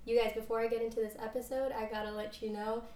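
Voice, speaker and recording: A life coach hosts her solo podcast, earnestly talking through ideas with quotes and examples while her voice is still a little worn from losing it. She speaks quickly in a slightly high, dark, level tone, recorded in an echoey room.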